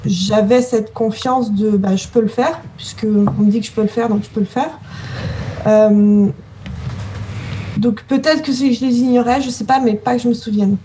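Woman in her 30s, soft mellow tone, kinda hesitant answering questions, some noise behind her. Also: on the high side, fairly even intonation, normal speed, low-quality recording. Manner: hesitant, searching for words. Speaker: interview guest, scientist.

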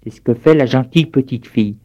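Mellow man reading a story aloud. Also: medium pitch, fast talker, muffled recording. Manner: steady, clear reading.

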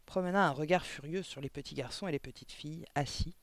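A man narrating a children's novel aloud with clear, expressive reading. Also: fairly high pitch, fast, dry recording. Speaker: audiobook reader. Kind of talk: storybook narration.

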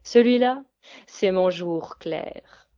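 A woman's voice: mid-range voice, no room sound, highs cut off, natural voice. Baba Yaga, a woman doing a menacing old witch. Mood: mysterious. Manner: growling, threatening, drawn-out words. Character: menacing old female witch, gruff and greedy. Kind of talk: storybook reading.

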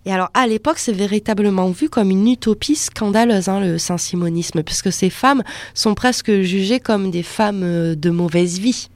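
A woman's voice: medium pitch, moderate pace, no echo. Woman explaining history with many fillers. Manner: loose explaining with frequent fillers. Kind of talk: explanatory radio talk.

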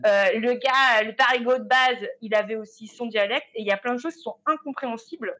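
A woman artist speaking as a panel guest, in a lively, colloquial way with some fillers. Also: on the high side, a little fast. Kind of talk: panel discussion.

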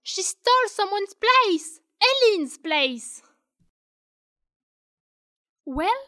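A spiteful young crewmate with a high, bright voice, voiced by a woman, scornful and threatening. The pace is slow and deliberate, as in a student audio drama. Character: spiteful young woman crew member, gossiping.

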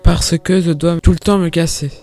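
A woman's voice: on the low side, steady tone, moderate pace, darkish tone, soft background music, natural voice. A woman voicing an impatient big bad wolf in a children's story, grumbling and exasperated. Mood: irritated.

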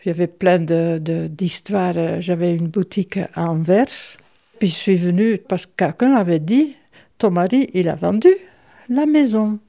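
Old lady telling her story real slow, dark mellow voice, pauses and wry asides. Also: on the low side. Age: older. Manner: halting, reminiscing, wry. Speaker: great-grandmother recalling her past. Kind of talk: personal recollection for a documentary.

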